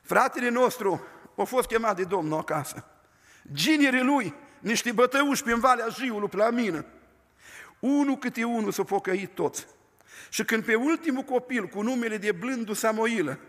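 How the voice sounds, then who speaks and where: High, bright older preacher in a reverberant hall. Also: male voice. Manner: emphatic, slows words for stress. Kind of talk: storytelling sermon. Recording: long reverb of a large hall.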